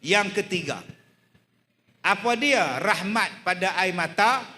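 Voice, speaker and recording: Animated Malay preacher in echoing hall. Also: male voice, high-pitched, slow pace. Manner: animated, acts out quoted voices. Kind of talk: lively religious lecture. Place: large hall.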